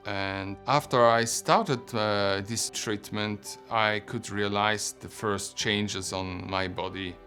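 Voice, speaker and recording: Slow, low-voiced man with Swiss German accent. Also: steady tone, bright, forceful tone, soft background music. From Switzerland. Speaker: patient telling his story. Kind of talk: personal testimonial narration.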